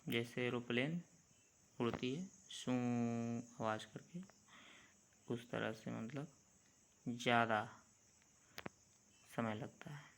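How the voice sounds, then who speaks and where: A man teaching a lesson at an unhurried, deliberate pace. He explains step by step and stretches out each sound he demonstrates. His voice sits at an ordinary pitch for a man. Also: steady tone, creaky, fairly bright tone. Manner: slow, measured, drawn-out letter sounds.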